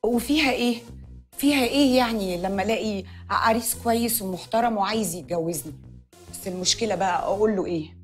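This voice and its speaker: A woman's voice: mid-range voice, fast talker, faint music behind, lightly acted. An actress with an Egyptian accent playing a worried sister who scolds and pleads with her sibling. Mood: scolding.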